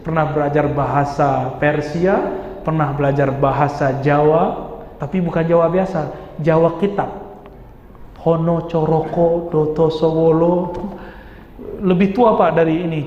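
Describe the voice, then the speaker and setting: A man preaching a sermon in a mosque, lively and posing rhetorical questions to his listeners. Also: a little high, moderate pace. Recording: echoey hall, dull sound.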